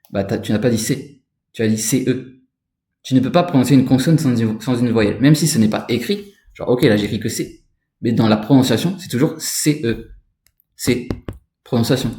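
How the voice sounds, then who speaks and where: A man's voice: medium pitch, dark tone, echoey room. A man giving an informal spoken lesson on energy and chakras, rambling and addressing the listener directly. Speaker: spiritual energy instructor.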